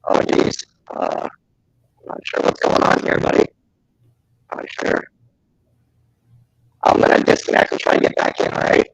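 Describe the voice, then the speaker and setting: A man's voice: measured pace, pauses often. A man calling in as a guest over a crackly, staticky internet connection, talking casually and sounding unsure of what is going wrong. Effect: crackly, staticky call connection. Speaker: guest caller. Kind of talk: casual chat. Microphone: earbuds over an internet call. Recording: distant, crackly call audio.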